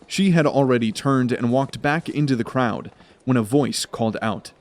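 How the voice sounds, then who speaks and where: With a medium-pitched voice, a man narrates a scripted fantasy story in a measured, dramatic storytelling style.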